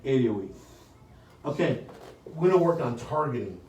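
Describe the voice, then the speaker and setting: Recorded from a distance in an echoey meeting room with a faint hiss, an American man leads a live sales coaching seminar for real estate. His mid-range voice is lively and a little mellow at normal speed, and he jokes around with the crowd, frequently asking "okay?".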